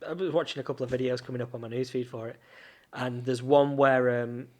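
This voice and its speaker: A man's voice: mid-range voice, fairly even intonation, quick pace, a little mellow. A man co-hosting a podcast, telling stories in casual chat with lots of restarts and fillers. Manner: rambling storyteller with many restarts. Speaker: podcast co-host.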